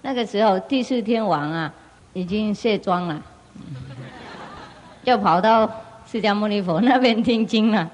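A woman spiritual teacher telling a story in a sermon, animated and laughing often as she goes. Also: medium pitch, unhurried, pauses often, slight background noise.

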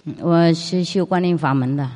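A slightly mellow, lowish female voice at normal speed: a non-Chinese woman whose native tongue isn't Mandarin, talking in simple accented Mandarin. She takes the role of a spiritual master, replying to questions in a relaxed way and often posing rhetorical questions. A large hall lends long reverb.

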